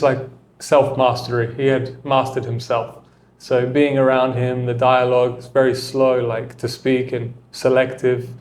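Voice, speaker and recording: A man's voice: medium pitch, darkish tone, a little hiss or hum. A man, a tennis coach, talking reflectively in a casual interview, with a loose flow of filler words. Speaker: tennis coach and mentor, guest.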